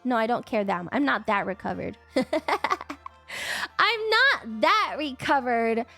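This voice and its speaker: Congested from a cold, a high-voiced woman livestreamer rambles through a casual chat stream in a slow, sing-song delivery with vocal fry. She drifts into whiny, playful protests, and soft music plays faintly behind her home desk mic.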